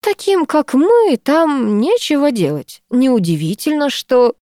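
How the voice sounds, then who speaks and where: A lazily drawling, high-voiced male photographer, put on by a woman reading a story. He stays calm and teasing and stretches every word out. The sound is close and dry. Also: dry recording, exaggerated voice. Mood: languid, teasing. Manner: slow, drawn-out, high delicate delivery. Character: mannered flamboyant male photographer, unruffled and teasing.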